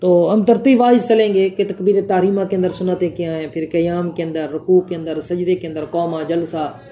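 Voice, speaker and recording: A woman's voice: lowish voice, fairly even intonation, normal speed, warm tone, muffled recording. A woman giving a religious jurisprudence lesson, going point by point and answering her own questions. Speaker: religious teacher.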